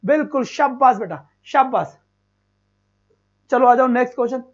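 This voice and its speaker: A man with a remarkably high voice runs a live exam-prep class online at a normal speed. Bursting with energy, he loudly praises his students, while the audio comes through dull and low-fidelity.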